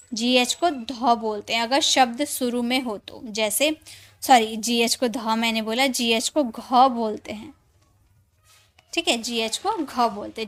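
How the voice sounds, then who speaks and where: High-voiced woman teaching spelling. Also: a bit bright. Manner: explains patiently, repeats each word and checks with "ठीक है?". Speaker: English teacher. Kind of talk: spelling lesson for Hindi speakers.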